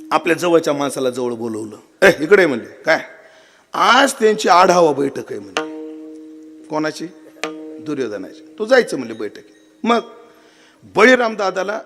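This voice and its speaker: A man delivering a devotional kirtan sermon. He tells the story with acted dialogue and quizzes his listeners. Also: high voice. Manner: lively storyteller acting out dialogue, quizzing the audience. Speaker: kirtan preacher. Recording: echoey hall with tabla and instruments.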